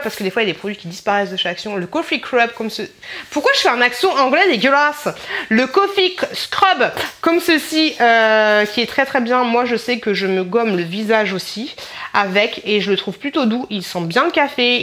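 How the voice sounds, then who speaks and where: A woman's voice: on the high side, fairly bright tone. A young woman chatting casually in a rambling home haul vlog, talking straight to her viewers. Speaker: beauty vlogger.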